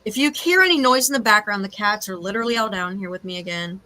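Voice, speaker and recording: A woman co-hosting a casual live stream chat from home, chatty and quick to laugh. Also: medium pitch, sharp tone. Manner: chatty, laughs often, says y'all. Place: home with cats nearby.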